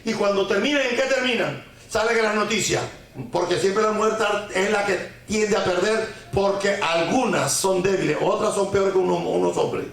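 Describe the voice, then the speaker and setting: Speaking at a moderate pace in a fairly high, gravelly voice, a man teaches on the weekly Torah portion. Rhetorical questions, repeated lines for emphasis, Hebrew words and folk sayings run throughout. Strong echo from a very reverberant room colors the audio.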